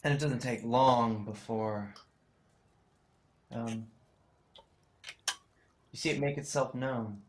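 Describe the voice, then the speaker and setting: A man's voice: medium pitch, takes it slowly, long pauses, slight background noise. A man narrating a tabletop role-playing game as game master.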